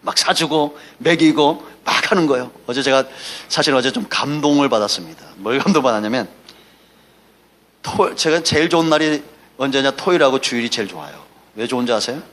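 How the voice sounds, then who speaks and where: With a mid-range, expressive voice that's fairly quick and a bit bright, a man preaches a Sunday sermon as pastor. He keeps it emphatic and folksy, tossing in asides and anecdotes and prompting the congregation to answer between them.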